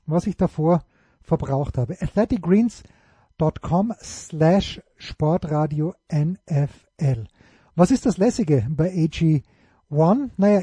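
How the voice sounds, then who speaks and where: A man reads an ad in an upbeat, salesy voice and speaks straight to his listeners. His voice sits high but sounds very dark and mellow, with a husky edge. The recording is close and completely dry. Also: no echo. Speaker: ad reader. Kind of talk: sponsored ad read.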